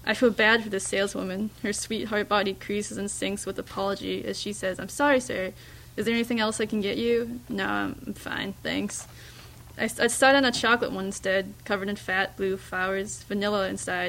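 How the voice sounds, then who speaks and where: Woman reading her story out loud, hushed and thoughtful, some vocal fry, middle pitch. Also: slight background noise, poor audio. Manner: hushed, reflective reading with small slips and restarts. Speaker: reader. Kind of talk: first-person story read aloud.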